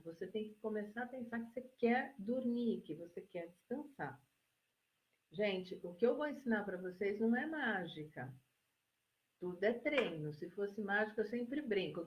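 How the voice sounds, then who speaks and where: A Brazilian woman who works as a psychologist, giving a live-stream relaxation lesson and talking listeners through slow breathing in a soothing way. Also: medium pitch. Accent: Brazilian Portuguese. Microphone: phone or laptop mic for a live stream.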